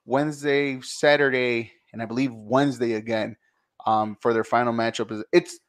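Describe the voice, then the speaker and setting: A man's voice: medium pitch, steady tone, normal speed. A man co-hosting a casual sports podcast, rambling and hedging as he talks. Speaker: podcast co-host.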